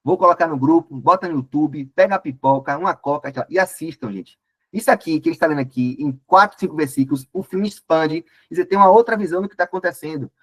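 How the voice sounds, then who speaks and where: Bible teacher, slightly high, colloquial and animated. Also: male voice, quick pace. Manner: lively and colloquial, acts out scenes. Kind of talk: casual Bible study talk.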